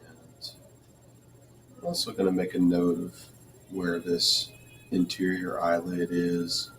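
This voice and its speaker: A man giving a drawing tutorial, talking through each step in a relaxed way, clearing his throat now and then as he loses his voice. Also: sits low, slow pace, far from the mic, a little hiss or hum. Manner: relaxed, thinking aloud while drawing, frequent throat clearing. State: losing his voice. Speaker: art teacher.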